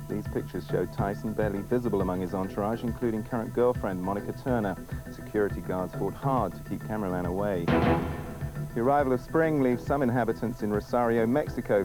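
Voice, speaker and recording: A man with a fairly low voice reads a scripted news and weather bulletin. A very loud music bed with percussion runs behind him. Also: poor audio. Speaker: newsreader.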